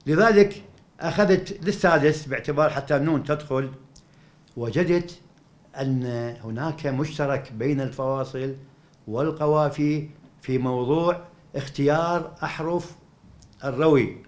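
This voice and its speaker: A man speaking in an Iraqi Arabic accent delivers an academic lecture at a cultural evening. His voice sits a little higher than most men's. He works through his argument aloud, posing questions and then answering them. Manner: explanatory, reasons aloud, asks and answers his own questions; recites Quranic verses slowly. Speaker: university professor lecturing.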